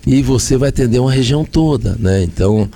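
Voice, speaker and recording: Gravelly Brazilian mayor explaining. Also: male voice, mid-range voice, quick pace, dark tone, a little hiss or hum. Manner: explanatory, lists points with repeated phrases. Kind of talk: radio interview answers.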